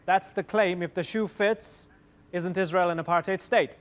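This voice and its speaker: A male news host moderating a debate with brisk, pointed questions. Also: high voice, steady tone.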